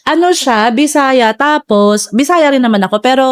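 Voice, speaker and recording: A woman from Manila, a podcast guest and content creator, telling stories in animated casual chat and laughing often. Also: sits high, normal speed, smooth. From Manila, Philippines.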